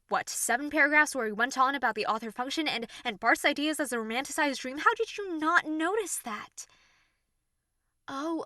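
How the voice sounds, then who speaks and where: A young woman playing a snappy tsundere tutor in an audio role-play, who goes from sharp scolding to halting, breathy, remorseful near-whispers. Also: a little high, no echo, studio quality.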